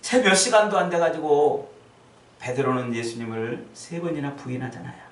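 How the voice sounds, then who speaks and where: A man preaching a sermon as pastor, acting out the quoted lines with sudden loud, high outbursts. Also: expressive, normal speed, roomy sound, recorded from a distance, a little hiss or hum, poor audio. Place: church sanctuary.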